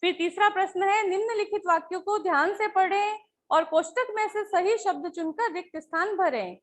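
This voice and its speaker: A woman teacher with a very high voice walks through grammar answers one by one. She explains patiently and keeps checking that her pupils follow along. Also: moderate pace. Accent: Hindi. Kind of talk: Hindi grammar lesson.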